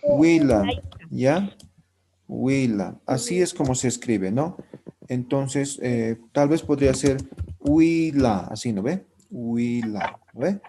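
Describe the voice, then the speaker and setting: A male language teacher runs a live class, explaining step by step and constantly checking in with his students. His voice sits at an ordinary middle pitch. The recording carries a clear layer of background hiss. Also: animated, takes it slowly. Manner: patient, checks understanding with constant tag questions.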